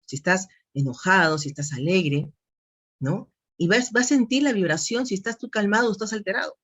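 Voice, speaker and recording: A woman's voice: medium pitch, husky. A woman giving an instructive lecture on elder care, repeating key points and often checking in with her listeners. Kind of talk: spoken lecture to an audience. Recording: dull lo-fi recording.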